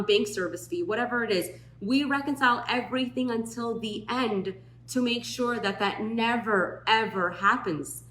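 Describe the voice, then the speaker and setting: A woman's voice: mid-range voice, fairly bright tone. Chatty woman talking in an echoey room. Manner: chatty storytelling, acts out quoted voices. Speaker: tax firm owner. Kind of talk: podcast talk. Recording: roomy echo.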